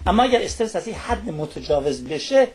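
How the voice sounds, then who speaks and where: A man's voice: high-pitched, very animated, darkish tone, breathy edge. A man explaining a topic as a studio guest on a talk show. He lectures in long lists and keeps checking in with his listener through little tag questions.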